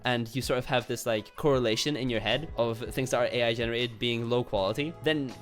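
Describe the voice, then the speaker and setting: A young Polish man with a Polish accent does informal YouTube commentary, reading comments aloud, swearing freely and chuckling between remarks. His mid-range voice moves fairly quickly over soft background music.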